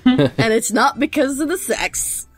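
Slow, very animated woman bantering. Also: high voice, slightly rough, soft background music. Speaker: co-player commenting. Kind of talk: casual joking banter.

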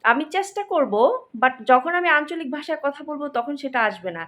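A woman's voice: sits high, animated, fairly quick, pushed and bright. A woman with a Narsingdi Bengali accent, chatting casually to her viewers as a vlogger and mixing in English words. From Narsingdi, Bangladesh. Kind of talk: casual vlog chat to viewers.

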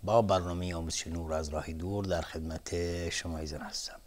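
Low-voiced man teaching recitation rules. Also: steady tone. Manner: methodical, explains rules step by step. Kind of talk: televised tajweed lesson.

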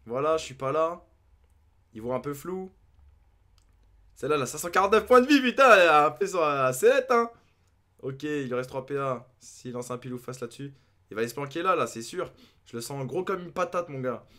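A young man commentating his own game as a gaming youtuber, thinking aloud and breaking into excited outbursts. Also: on the high side, brisk. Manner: excitable, talks to himself, sudden outbursts.

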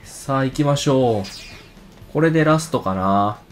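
Animated and mid-range, a man streams a game at a measured pace, casually chatting to himself and answering back to enemies as they appear. Game music plays loudly underneath.

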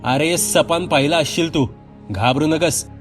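A man's voice: a little high, measured pace, soft background music, pitched above the performer's own voice, close to an everyday voice. A man doing an older village uncle. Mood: concerned. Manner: rustic village dialect. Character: older village uncle, gruff but reassuring.

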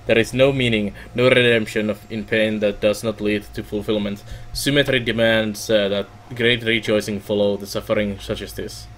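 A middle-aged man reads video game text aloud in a halting, casual way as a let's player. His voice is a little low, and there is faint noise behind it. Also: level tone, fairly bright tone.

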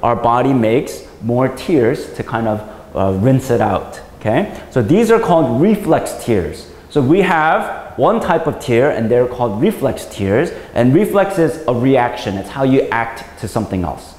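A man's voice: medium pitch, expressive, measured pace, hardly any pauses, darkish tone. A man giving a patient science lesson for children, checking often with "right?" as he explains. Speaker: English teacher. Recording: roomy recording with long reverb.

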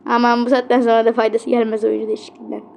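A woman giving gameplay commentary, excitable, grumbling at the game and yelling on big plays, with apologetic asides to her viewers. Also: fairly high pitch, very fast, vocal fry, a little hiss or hum. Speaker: gamer.

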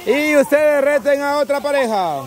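A woman with a Salvadoran accent hosting outdoor party games, cheering players on with quick repeated calls and frequent laughter. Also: high-pitched, expressive. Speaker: game host. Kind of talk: lively game commentary. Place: outdoors at a lively gathering. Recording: outdoor crowd noise. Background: crowd chatter.

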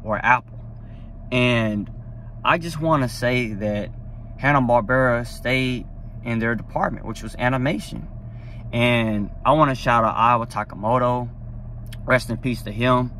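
A young man, a vlogger, talks casually into his phone camera from a parked car, rambling enthusiastically and using lots of fillers. His mid-pitched voice is bright and forceful, and his pace unhurried. The phone is held at arm's length, with slight background noise.

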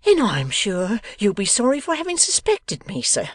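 A woman's voice: mid-range voice, huge pitch swings, moderate pace, no echo, voice pushed up. A woman voicing an honest, startled young man in an audiobook, earnest and pleading. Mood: indignant. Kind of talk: audiobook character voice.

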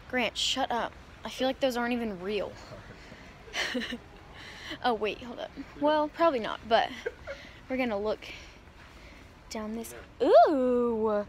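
A woman's voice: fairly high pitch, a little hiss or hum. A young woman vlogging in casual chat, upbeat and chatty with lots of fillers, filming herself on a handheld camera. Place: outdoors walking, then store aisles.

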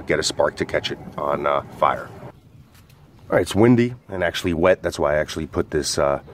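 Demonstrating a fire starter in his backyard, a man who teaches outdoor skills explains it in a relaxed way, peppered with "uh" and "go ahead." His voice is low-pitched, and there's a little hiss or hum.

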